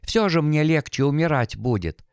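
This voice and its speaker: A man's voice: on the high side, animated, moderate pace, clean tone, no echo, studio quality. A man reading an audiobook, voicing a timid little hare from a fairy tale in a pleading way.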